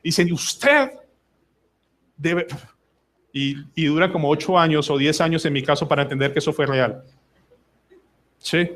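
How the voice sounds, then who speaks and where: Pastor guy preaching at church, kinda high voice, acts out prayers and quotes, really emphatic. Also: fairly even intonation, normal speed, pauses often, fairly bright tone. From Colombia. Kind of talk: sermon. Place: church service.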